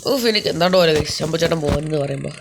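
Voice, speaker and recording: A young man commenting on his gameplay, chatty and quick to shout, talking to his viewers from home. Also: a little high, noisy background. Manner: chatty, keeps calling out to guys; jumps into loud excited shouts. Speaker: gaming YouTuber.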